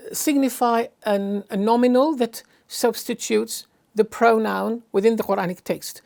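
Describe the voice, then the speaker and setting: A woman with a somewhat high voice gives a Qur'anic translation lesson. She explains slowly and carefully, often pausing on fillers and restarting phrases. She recites Arabic verses between her explanations. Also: vocal fry, a little mellow.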